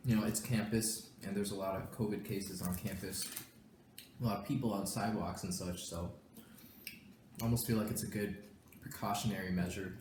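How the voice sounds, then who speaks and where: Young adult man, lowish voice, relaxed mukbang chatter through mouthfuls, roomy echo, faint hiss behind. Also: a little fast. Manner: talks while chewing, mouth full. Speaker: vlogger. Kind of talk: casual mukbang chat.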